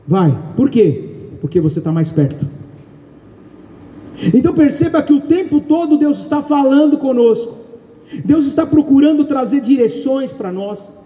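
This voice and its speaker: A man preaching a sermon in Brazilian Portuguese, speaking loudly and firing questions at the congregation. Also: very high-pitched, very animated, normal speed, pauses often. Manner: loud, calls out questions to the congregation. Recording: echoey hall, long reverb.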